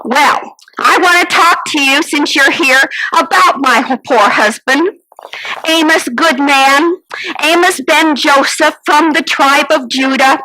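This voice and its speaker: In a rough recording, a woman performs a first-person theatrical monologue as a fretful, business-minded innkeeper's wife, kvetching, sighing, and exclaiming. Her voice is high, slow, sharp-toned, and heavily acted.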